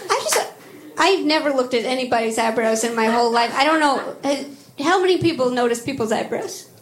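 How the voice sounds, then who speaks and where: A woman doing a stand-up comedy set, rambling and self-deprecating, with halting restarts and crowd work. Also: high-pitched, lively intonation. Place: comedy club stage. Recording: echoey club with loud crowd laughter. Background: audience laughter.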